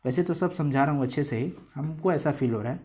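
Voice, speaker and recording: A man's voice: fairly high pitch, fast, darkish tone. Chatty Bihari Hindi-speaking male teacher. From India. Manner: chatty, mixes English words into Hindi, acts out quoted lines. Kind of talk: explaining a Hindi chapter to students.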